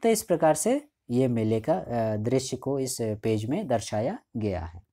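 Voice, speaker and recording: A man teaching a school chapter line by line, his voice mellow and warm. He reads each English line slowly, then explains it casually and often checks in with his students. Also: medium pitch, big pitch swings. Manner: frequent checking fillers.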